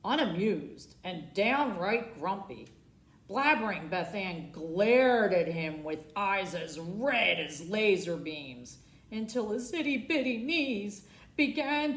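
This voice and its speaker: In an echoey room, a storytime host at a library reads a children's book with theatrical flair and frequent questions for the kids. She speaks slowly and expressively at a medium pitch.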